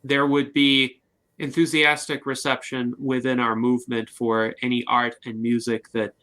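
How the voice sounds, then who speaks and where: A man hosting an interview, speaking in long, formal, measured sentences. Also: mid-range voice, little pitch movement, pushed and bright. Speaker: interview host.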